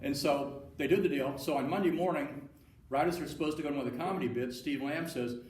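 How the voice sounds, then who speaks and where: A man's voice: on the high side, quick pace, darkish tone. A man speaking at a seminar, telling a folksy anecdote and acting out the dialogue. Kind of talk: storytelling talk to an audience. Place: meeting room with audience. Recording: roomy room, speaker far from mic, faint noise.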